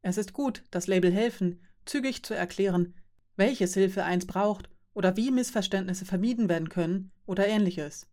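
A woman voicing a patient, weary fairy who explains things in a calm, measured way. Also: medium pitch, close to an everyday voice. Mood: resigned.

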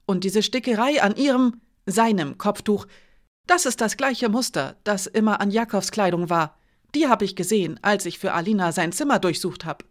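A woman's voice: medium pitch, expressive, normal speed, lightly acted. A woman voicing an angry young man who talks in a heated, accusing way in an audiobook.

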